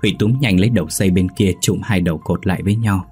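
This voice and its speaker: A man narrating a ghost story in a steady, measured reading voice. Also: low-pitched, husky, faint music behind.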